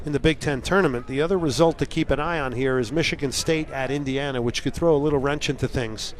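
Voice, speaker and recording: A man's voice: mid-range voice, fast talker. A man doing live play-by-play commentary of a soccer match. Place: outdoor college soccer stadium broadcast. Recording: clear outdoor stadium ambience noise.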